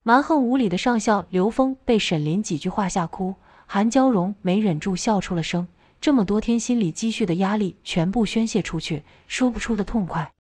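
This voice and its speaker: A woman's voice: mid-range voice, moderate pace, hardly any pauses, a little mellow, no room sound. A woman reading a novel aloud as an audiobook narrator, giving the characters small shifts of voice.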